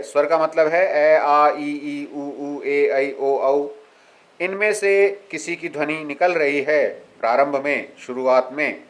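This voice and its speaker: A man teaching English grammar, reading examples slowly and explaining them step by step. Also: a little high, rough recording. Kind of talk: explaining a lesson.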